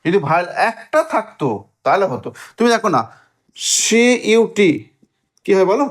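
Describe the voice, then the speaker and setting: Animated male grammar teacher. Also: high voice. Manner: explains step by step with frequent checking questions; drawn-out words when spelling or stressing. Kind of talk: classroom lesson.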